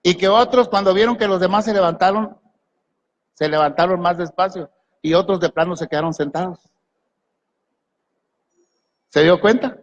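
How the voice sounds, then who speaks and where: A man's voice: high-pitched, brisk, muffled recording. A man preaching a sermon as pastor, asking the congregation questions and giving them commands. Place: large church hall. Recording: long echo of a church hall.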